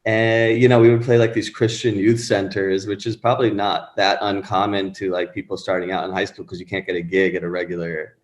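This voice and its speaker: In a casual interview chat, a musician guest in his thirties, born in Pakistan and raised in Rhode Island, rambles along with many fillers and restarts. His low voice shows little pitch movement, and he talks a little fast with few pauses. The room sounds echoey.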